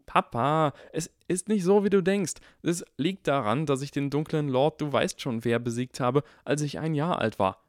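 A man reading an audiobook and voicing a clever, cheeky eleven-year-old boy who talks quickly and pleads and protests. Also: medium pitch, lively intonation, no room sound, studio quality, voice pushed up, natural voice. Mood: protesting.

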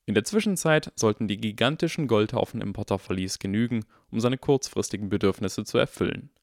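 A man reading an audiobook in calm, even, measured narration. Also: on the low side, dry recording, studio quality. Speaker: audiobook reader. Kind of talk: scripted narration.

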